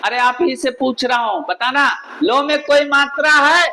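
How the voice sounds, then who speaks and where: A man's voice: very high voice, moderate pace, pushed and bright, rough recording. A male teacher, giving a spelling lesson and drilling the class with repeated questions and answers.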